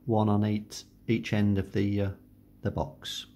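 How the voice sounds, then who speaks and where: A middle-aged hobbyist radio video host gives a casual hands-on demonstration at his home workbench and radio desk, thinking aloud in an informal, hesitant way. His voice is fairly low, monotone, unhurried, and mellow. Clear background hiss, room noise, radio static, and ambient noise fill the recording.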